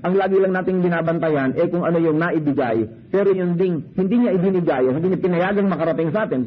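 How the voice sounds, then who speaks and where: A man's voice: on the high side, husky, highs cut off. A man with a Filipino accent preaching a sermon. He switches between Tagalog and English and acts out short prayers of thanks. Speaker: pastor.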